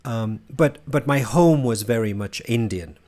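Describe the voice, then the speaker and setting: A university lecturer who grew up in Barcelona, Spain, he presents research at a conference with a mid-range, slightly mellow voice. His delivery is measured, and he organizes his arguments into lists.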